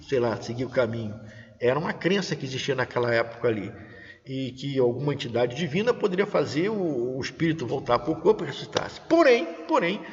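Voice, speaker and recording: Animated man teaching the Bible in church. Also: fairly high pitch. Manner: reads verses, then explains them in plain talk; lively, swinging intonation with stressed words. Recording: dull sound with long reverb.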